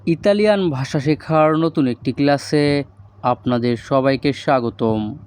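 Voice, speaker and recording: A man teaching a spoken language lesson, saying foreign phrases slowly and breaking them down word by word. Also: fairly high pitch, a little mellow, no room sound. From Bangladesh.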